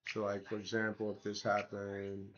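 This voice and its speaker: On the dull-sounding audio, a man with a lowish, slightly bright voice speaks in a monotone at a moderate pace, casually chatting to livestream viewers while he builds an app. He's slangy and informal, talking directly to them, and his throat still sounds sore and swollen after tonsillitis.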